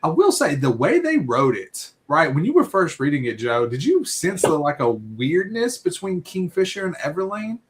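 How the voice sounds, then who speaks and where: A podcast co-host chats casually about a book in a fairly high, very animated voice at a moderate pace with few pauses. He rambles, uses many fillers, and keeps ending his thoughts with "right?"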